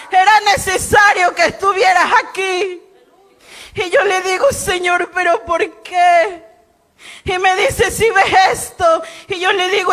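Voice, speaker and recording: Woman preacher, slow shouted testimony, bright piercing tone, fervent. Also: extremely high pitch. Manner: shouting, fervent, tearful pleading. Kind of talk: impassioned spoken testimony.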